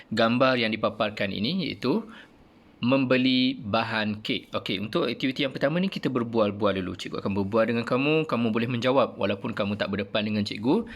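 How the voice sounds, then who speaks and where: A male primary school teacher with a Malaysian Malay accent, giving an online lesson and saying each word slowly and clearly for pupils to repeat. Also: lowish voice. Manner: repeats words slowly and loudly for pupils to copy.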